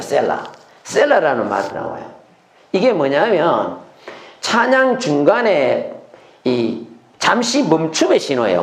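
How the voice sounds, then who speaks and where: Lively middle-aged pastor in an echoey church. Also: male voice. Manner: animated, acts out lament with sudden high cries; explains with rhetorical questions to the congregation. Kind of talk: sermon teaching on scripture. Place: church sanctuary.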